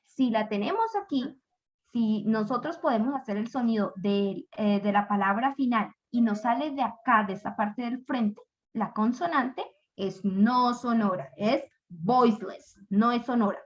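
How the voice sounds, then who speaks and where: A patient woman teacher explains pronunciation at an unhurried pace, stretching out each example sound. Her voice sits a little high. The recording is dull and lo-fi. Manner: slow, patient, demonstrates sounds aloud. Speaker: English teacher. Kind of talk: classroom explanation.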